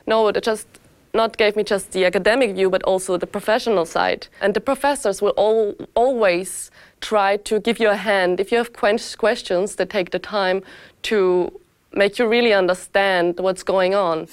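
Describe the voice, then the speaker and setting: Smooth-voiced woman in her twenties. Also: medium pitch, fairly even intonation, normal speed, no echo. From Austria. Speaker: master's student. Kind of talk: student testimonial.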